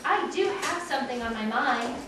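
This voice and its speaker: A woman voicing a nervous, affectionate puppet queen with halting, melodramatic delivery in an amateur children's show. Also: sits high, animated. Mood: hesitant, affectionate. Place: small home gathering, echoey room, far camera. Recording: echoey distant noisy home video.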